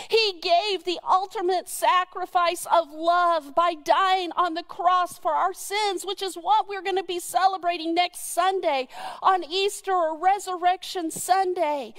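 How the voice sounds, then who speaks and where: High-voiced woman preaching slowly. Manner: earnest storytelling with soft laughs. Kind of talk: sermon.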